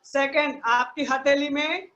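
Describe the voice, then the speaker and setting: Over an online video call, a woman teaches children, explaining slowly and patiently step by step and checking that they follow, asking "ठीक है ना" again and again. Her voice is high with fairly even intonation, and the audio is reverberant, noisy, with the highs cut off.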